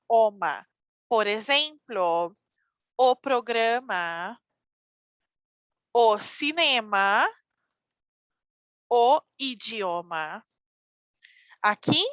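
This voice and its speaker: A Brazilian woman teaching Portuguese at a slow, patient pace. Her voice sits a little high and she spells out each example with care. The sound is dry and a bit dull and lo-fi. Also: fairly bright tone, dry recording. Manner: slow, careful enunciation of example words, checking in with "certo?". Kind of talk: language lesson for Spanish speakers.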